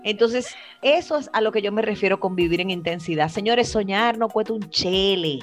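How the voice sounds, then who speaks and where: A woman co-hosting a casual chat, speaking in a reflective, emphatic way with drawn-out phrases. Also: mid-range voice, soft background music. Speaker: podcast co-host. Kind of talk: casual chat among friends.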